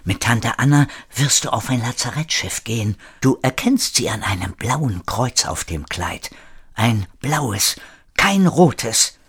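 A man voicing an old grandmother who talks in hushed, urgent whispers in an audiobook story. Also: medium pitch, expressive, slow, breathy edge, exaggerated voice. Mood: tender.

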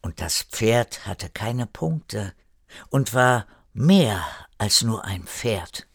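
Slow-telling old male storyteller. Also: on the low side, sing-song, a bit bright, slightly rough, no room sound, studio quality. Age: older. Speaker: storyteller grandfather. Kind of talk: storytelling narration.

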